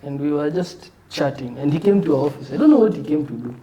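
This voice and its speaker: A man with a Kenyan accent, a guest on a casual podcast, telling stories in a relaxed manner. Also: fairly high pitch, fast talker, highs cut off, a crowd in the background. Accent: Kenyan English. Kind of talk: casual round-table chat.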